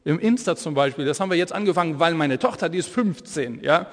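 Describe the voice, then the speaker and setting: Fervent male evangelist in his forties, lively storyteller, high voice, echoey church hall. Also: quick pace. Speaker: evangelist preacher. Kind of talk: energetic sermon with Bible storytelling.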